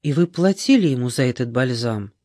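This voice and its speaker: A man reading an audiobook, voicing a young woman in her twenties who questions firmly and calmly. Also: medium pitch, a little fast, no echo, clean studio sound, voice pushed down, natural voice. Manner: firm, probing, calm.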